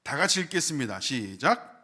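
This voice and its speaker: A man's voice: mid-range voice, sing-song, moderate pace, sharp tone. A man preaching a Sunday sermon as pastor, asking the congregation questions and letting his voice climb and fall hard. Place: church sanctuary.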